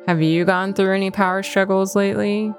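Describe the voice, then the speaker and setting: A woman reading a dream story aloud in a measured, reflective way, then musing on what it means. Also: medium pitch, little pitch movement, faint music behind.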